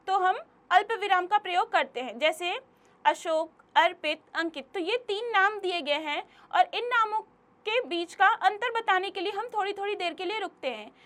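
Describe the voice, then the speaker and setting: A young woman with a very high voice teaches a grammar lesson to children. She speaks to them directly and slows down to read each example sentence aloud. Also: fairly bright tone.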